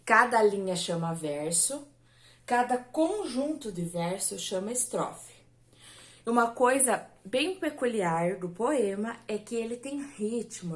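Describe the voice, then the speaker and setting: Woman teacher, unhurried, patient with young pupils, draws words out slowly. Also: mid-range voice, expressive. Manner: slow, patient, stretches words syllable by syllable. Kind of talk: recorded lesson for children.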